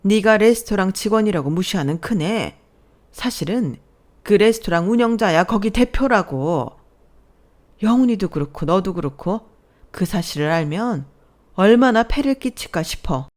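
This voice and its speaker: A woman's voice: mid-range voice, lively intonation, moderate pace, lightly acted. A woman playing an enraged scolding mother-in-law. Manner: shouting, berating. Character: furious older mother-in-law, stern and scolding.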